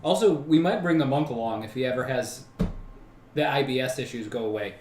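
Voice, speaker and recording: A man's voice: medium pitch, a little fast. A man playing a tabletop game, chatting casually as a player. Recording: echoey room, distant mic, faint noise.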